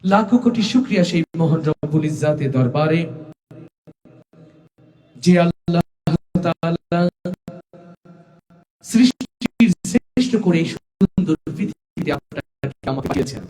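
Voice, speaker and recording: A man's voice: a little high, lively intonation, moderate pace, music in the background. A man with a Jashore Bengali accent, a gojol singer addressing a live crowd from an open-air stage with fervent call-and-response. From Jashore region, Bangladesh.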